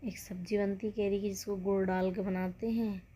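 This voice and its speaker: A woman's voice: medium pitch, level tone, moderate pace, mellow, husky. A woman in her thirties chatting casually to her viewers, unwell and rambling, sometimes dropping to a whisper. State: unwell with joint pain. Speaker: vlogger. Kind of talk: casual vlog chat.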